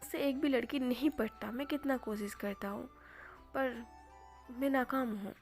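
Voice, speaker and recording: Over soft background music, a woman with a fairly high, steady, natural voice speaks at normal speed as a heartbroken young man. In that role she whines and sobs out complaints to his best friend, tearful throughout.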